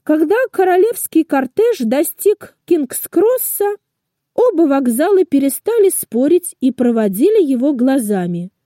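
A woman narrating a children's storybook aloud, slowly and expressively. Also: high voice, no echo, clean studio sound. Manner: slow, expressive, lively. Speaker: storybook reader.

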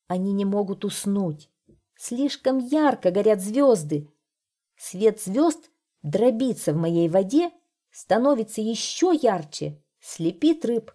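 A troubled lake, as a woman puts it on, fretting and lamenting over its sleepless fish. The voice is mellow and husky, fuller and louder than the narration. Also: mid-range voice, very animated, slow pace, pitched above the performer's own voice. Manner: worried, lamenting.

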